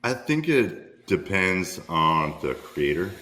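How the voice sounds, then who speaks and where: A man's voice: low-pitched, very animated, takes it slowly, sharp tone. A man who makes documentaries, chatting on a podcast in a laid-back, agreeable way. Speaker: podcast guest, documentary maker. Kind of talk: casual podcast chat.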